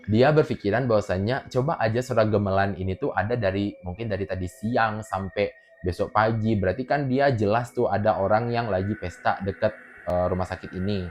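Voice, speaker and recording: Low-voiced man telling a dramatic horror story. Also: brisk, soft background music. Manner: dramatic, drops to hushed murmurs and bursts into loud exclamations. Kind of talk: casual spoken horror storytelling.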